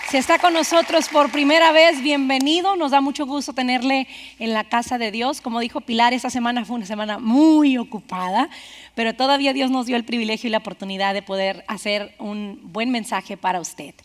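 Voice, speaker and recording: High-voiced woman preaching in an echoing hall. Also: brisk. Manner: animated, calls out to the congregation, swings from loud to soft. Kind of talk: lively bilingual-church sermon. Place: church sanctuary. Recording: reverberant church hall.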